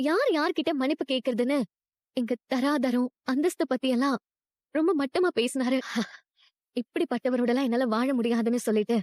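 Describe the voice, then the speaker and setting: A woman playing a proud young working-class woman with a gentle, measured way of speaking in a dubbed drama. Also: high voice, no room sound, studio quality, natural voice. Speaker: woman who left her husband and now runs food stalls.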